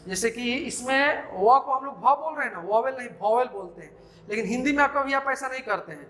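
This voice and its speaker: This is a man with a Bihari Hindi accent giving a grammar lesson in a classroom. His voice sits very high and sounds bright and forceful. He dictates each rule slowly and keeps quizzing the class with short questions. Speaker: teacher.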